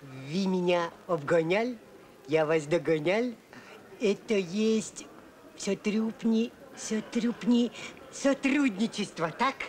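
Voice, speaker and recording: An actor playing a fawning villain who poses as a foreign alien scientist, speaking halting, sing-song broken Russian with a foreign accent. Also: male voice, high voice, a little mellow. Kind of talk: comic film acting.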